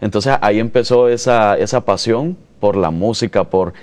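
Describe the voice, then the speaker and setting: A man's voice: on the low side, normal speed, darkish tone, smooth. A Salvadoran man in his thirties, a radio announcer, answering interview questions in an earnest, reflective way. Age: 30s.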